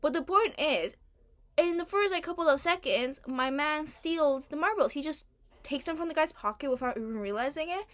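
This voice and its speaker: A woman's voice: high-pitched, expressive, moderate pace, a bit bright. A young adult woman giving a casual, chatty voice-over about her drawings and characters, in informal, slangy wording. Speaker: artist narrating own original characters.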